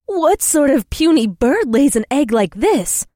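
A man's voice: extremely high pitch, sing-song, unhurried, dark tone, no echo, clean studio sound, pitched above the performer's own voice, heavily acted. A man voicing a young warrior princess from another world, who speaks formally and without contractions. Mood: earnest, wondering.

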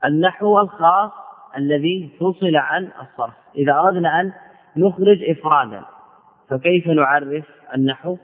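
A man teaching grammar as a sheikh, in a classical lecture style, who repeats key words slowly and asks and answers his own questions. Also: fairly high pitch. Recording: phone-like audio in a long-reverb hall.

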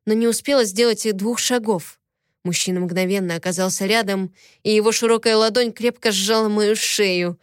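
A woman's voice: medium pitch, clear, resonant tone, dry recording, studio quality. Woman reading a first-person audiobook. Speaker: audiobook narrator.

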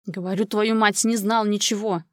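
A woman reading an audiobook, voicing a hot-tempered man who shouts defensively. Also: mid-range voice, steady tone, moderate pace, no echo, clean studio sound, natural voice. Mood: furious. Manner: angry outbursts, raised and forceful.

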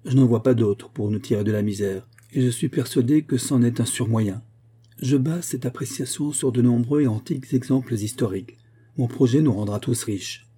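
Guy reading out eager young painter pushing his idea, emphatic, husky dark voice. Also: medium pitch, moderate pace, lightly acted. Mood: persuasive. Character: excited young male painter, scheming and persuasive.

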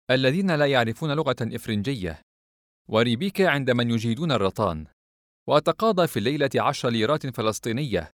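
A man's voice: medium pitch, no room sound, clean studio sound, close to an everyday voice. A man voicing a bold, mercenary young woman of the night who talks in a brash, teasing way in an audiobook reading. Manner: brash, teasing, quick-tongued.

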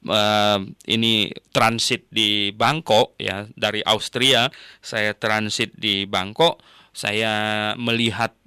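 A man gives a Bible teaching to his listeners with a bright, crisp voice recorded dry and close. He tells stories casually and repeats his phrases. When he drives a point home, his pitch climbs. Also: fairly even intonation, slow, dry recording. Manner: storytelling, repeats phrases with tag words.

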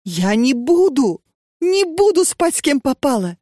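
Storybook figure: shamed young woman, pleading, halting, read by a woman, dry sound. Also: sits high, sing-song, dark tone, no room sound, voice pushed up. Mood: ashamed. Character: young woman, ashamed, tearful.

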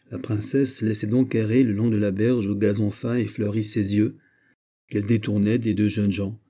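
A man with a fairly low voice narrates a classic novel for an audiobook, telling the story in a measured, even way.

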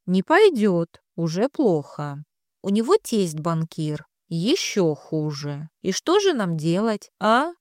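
A woman's voice: fairly low pitch, big pitch swings, takes it slowly, darkish tone, no echo, studio quality. A woman voicing a male police detective who talks matter-of-factly and wryly, explaining a case. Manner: matter-of-fact, lecturing, wry. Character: gruff male police captain, sardonic, world-weary.

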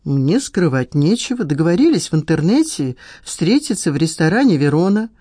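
Reader doing a whiny, defensive man in an audiobook, pitched up, lively swings. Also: normal speed, slightly rough, no room sound, studio quality. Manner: aggrieved, defensive, whining. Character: whiny petty middle-aged man, self-pitying. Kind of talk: audiobook dialogue.

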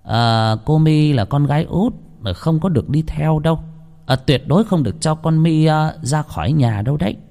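A man's voice: on the high side, moderate pace, vocal fry, dark tone, voice pushed up. A man voicing a stern old village shaman woman who insists on her warnings, in a narrated ghost story.

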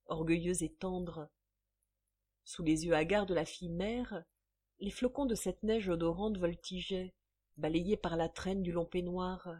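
A woman narrating a novel in a measured, dramatic audiobook style. Her reading is steady and deliberate at a middle pitch. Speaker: reader.

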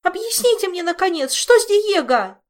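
An exasperated young woman, high and loud, her voice swinging up and down as she protests, read by a woman in an audiobook. She sounds agitated and close to hysterics. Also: big pitch swings, moderate pace. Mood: yelling. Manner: agitated, shouting in dismay.

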